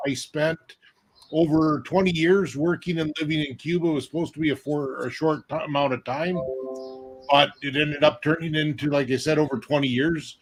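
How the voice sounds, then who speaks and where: A man's voice: on the high side, fairly even intonation, moderate pace, soft background music, low-quality recording. A man from Canada, a guest on an online panel, talking in a plain, matter-of-fact way. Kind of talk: casual talk on a video call.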